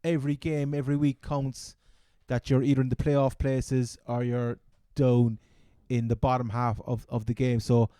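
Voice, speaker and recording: A man's voice: mid-range voice, little pitch movement, moderate pace, few pauses, warm tone, clear, resonant tone, no echo, clean studio sound. A man with a Cork accent from Ireland, chatting casually as a sports podcast co-host and often restarting his phrases. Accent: Irish, Cork. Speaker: fantasy football podcast co-host.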